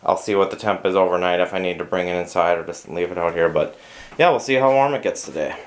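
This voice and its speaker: A man's voice: low voice, quick pace, a little hiss or hum. Easygoing male homebrewer, rambling. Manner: rambling, filler-heavy, thinking aloud. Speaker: homebrewer host. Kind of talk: casual brewing vlog. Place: on a porch.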